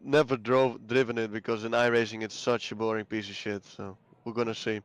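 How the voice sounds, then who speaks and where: A man's voice: lowish voice, flat delivery, brisk, clear, resonant tone. A man who races in a sim racing league, joking bluntly with his fellow drivers and tripping over his words. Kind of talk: casual voice chat before a sim race.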